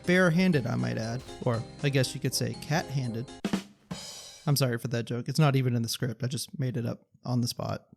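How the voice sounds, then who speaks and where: A man's voice: medium pitch, brisk, gravelly, music in the background. A man narrating his gameplay in a scripted commentary, with wry, joking asides. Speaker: gaming YouTuber.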